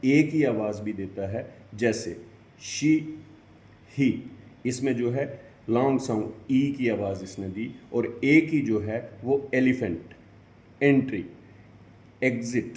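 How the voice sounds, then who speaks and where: Male pronunciation teacher, unhurried and mellow, spells sounds out step by step, roomy echo. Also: medium pitch. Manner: spells out sounds letter by letter, repetitive. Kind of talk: slow explanatory lesson. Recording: echoey room.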